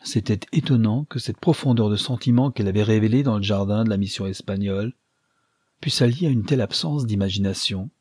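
Guy reading a classic novel, low husky voice, dry close mic. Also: fairly quick, darkish tone, no room sound. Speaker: audiobook narrator. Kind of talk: literary audiobook reading.

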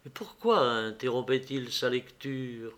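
A man narrating a classic story as an audiobook in a measured, expressive way. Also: medium pitch.

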